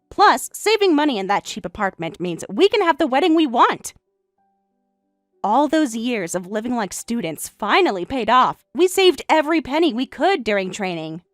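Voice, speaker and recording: A woman playing a self-assured young bride in a family drama, measured, matter-of-fact and quietly defiant. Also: high voice, no echo, studio quality. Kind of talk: acted dialogue in a narrated family drama.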